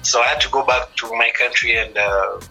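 A man, a musician guest speaking thoughtfully, with many pauses, in a radio interview. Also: medium pitch, vocal fry, bright, forceful tone, faint music behind, rough recording. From East Africa. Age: 30s.

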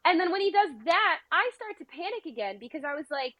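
A woman's voice: very high-pitched, sing-song, fast talker, fairly bright tone, no echo, rough recording. Rambling young woman telling a story. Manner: rambling, filler-heavy, laughs between phrases. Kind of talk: casual storytelling chat.

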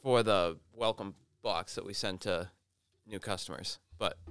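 A man co-hosting a trade podcast, chatting casually and teasing his co-host in quick back-and-forth banter. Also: deep voice, fairly bright tone, clean tone, no room sound.

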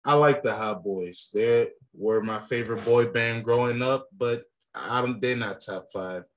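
A man's voice: mid-range voice, measured pace. A young man co-hosting a podcast, arguing his point in casual, profane talk and cutting in over his partner. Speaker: podcast co-host. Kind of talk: casual debate about rap.

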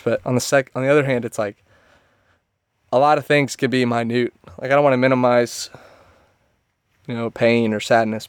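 A man's voice: medium pitch, clean tone, dry recording. A man in his twenties hosting a podcast, recorded inside a closet, talking casually without a script and rambling as he thinks aloud. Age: 20s. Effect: close, muffled closet sound. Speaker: podcast host. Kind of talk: unscripted podcast trailer monologue.

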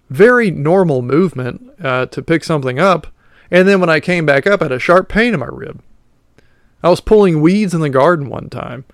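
A man's voice: medium pitch, vocal fry, smooth, no room sound, studio quality. Rambling self-mocking man in his late thirties. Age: 30s. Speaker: podcast host. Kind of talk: casual solo podcast monologue.

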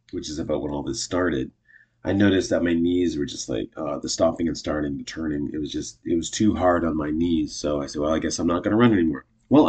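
A man in his fifties vlogs casually to camera in a very deep, slightly rough voice with a little mellowness. He rambles and corrects himself often, staying upbeat throughout.

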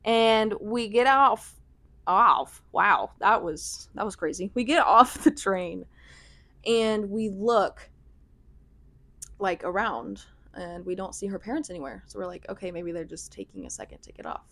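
A woman's voice: mid-range voice, lively intonation, measured pace, fairly bright tone, no room sound. Chatty young American woman, dry sound. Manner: chatty, filler-heavy with frequent "like", laughing asides. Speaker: vlogger. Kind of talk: casual storytelling.

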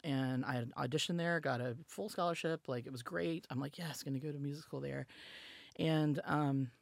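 A woman's voice: deep voice, fairly even intonation, moderate pace, gravelly, no echo, studio quality. A woman from Alabama, a musician and podcast guest, telling her story in a chatty, filler-heavy way and acting out quotes. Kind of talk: casual storytelling interview.

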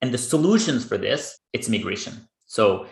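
Man, podcast host, earnest explainer, echoey room, mid pitch. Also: sing-song, moderate pace, creaky. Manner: earnest, explaining in plain terms. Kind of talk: podcast interview.

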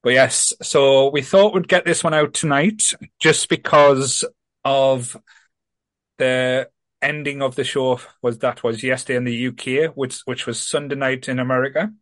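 A man's voice: medium pitch, steady tone, unhurried, fairly bright tone, dry recording. A man hosting a podcast in casual chat, rambling and self-deprecating. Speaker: podcast host.

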